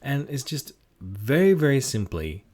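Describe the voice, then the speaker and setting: A game master gives a casual tutorial on performing characters, with a mid-range, darkish voice that swings widely in pitch at an unhurried pace. He teaches by demonstration, moving back and forth between explaining and doing voices.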